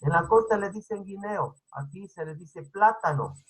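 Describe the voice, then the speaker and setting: A man's voice: high-pitched, expressive, normal speed, breathy edge, poor audio. A male teacher giving an online class over a video call. He keeps checking understanding with "¿sí?" and repeats his points. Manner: repetitive, instructive.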